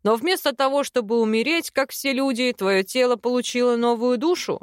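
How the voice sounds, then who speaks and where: A woman's voice: on the high side, normal speed, dry recording, studio quality, close to an everyday voice. A woman voicing a male academy rector, speaking in a raised, insistent tone.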